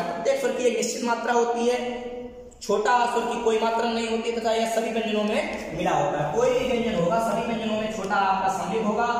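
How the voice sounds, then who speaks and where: A man's voice: high-pitched, slight background noise. Man teaching in a very echoey room. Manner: repetitive, asks and answers his own questions. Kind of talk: classroom grammar lesson. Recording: echoey room, far from the mic.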